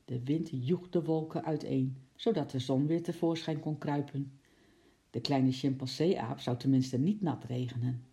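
A narrator reading a children's storybook aloud in a lively, expressive way. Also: mid-range voice, a little slow.

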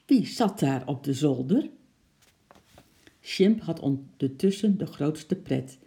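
A man reading a children's story aloud, lively and acting out the noises. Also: a little high, slow, gravelly. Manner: lively, acts out sound effects.

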